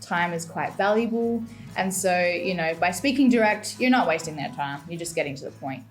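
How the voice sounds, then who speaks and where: An eighteen-year-old woman from Australia with an Australian accent, explaining clearly in a casual discussion. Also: on the low side, animated, moderate pace, faint music behind, rough recording. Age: late teens. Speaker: guest.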